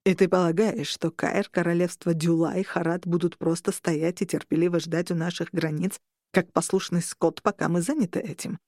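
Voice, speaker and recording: A woman voicing an angry male vampire lord who shouts and snarls at his rivals. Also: a little high, fairly even intonation, normal speed, no room sound, clean studio sound, voice pushed down, natural voice. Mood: scornful. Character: furious vampire lord marshal, growling.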